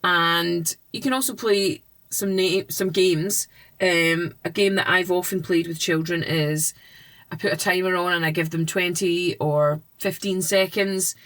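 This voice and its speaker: A woman reading tutor giving patient, explanatory tips to parents in an unhurried instructional vlog. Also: on the low side, a bit bright.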